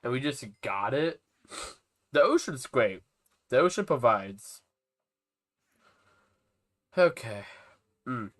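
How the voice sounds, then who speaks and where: A young man streaming a game live, his voice nasal and blocked up with a cold. He rambles on in a chatty way, swinging his pitch up and down a lot at a middling height. He talks both to his viewers and to the characters on his screen. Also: expressive, slow, long pauses, a bit bright. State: stuffy nose, nasal and about to sneeze. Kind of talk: casual live-stream chat while playing.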